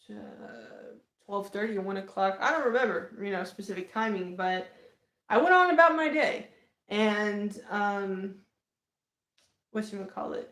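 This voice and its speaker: Young woman rambling thru a story on a livestream, lots of um and like, kinda echoey room. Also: mid-range voice. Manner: rambling, many fillers and restarts. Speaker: vlogger.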